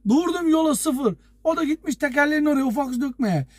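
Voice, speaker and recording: A truck driver telling a story to his viewers in a casual, lively way, acting out the dialogue and chuckling as he goes. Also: extremely high pitch, quick pace, no room sound. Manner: lively anecdote teller, acts out dialogue.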